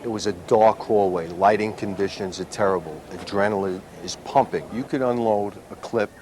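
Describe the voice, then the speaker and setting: A man's voice: lowish voice, normal speed, darkish tone. A middle-aged man, a retired detective, giving firm, emphatic commentary in an interview. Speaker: guest, retired detective lieutenant. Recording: faint background noise.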